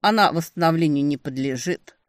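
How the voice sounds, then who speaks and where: A cocky male demon who teases and lays claim with smug calm, as a woman reading an audiobook puts him on. The lines come mocking and self-assured. The sound is dry, close and free of echo. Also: low voice, a little fast, natural voice. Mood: teasing.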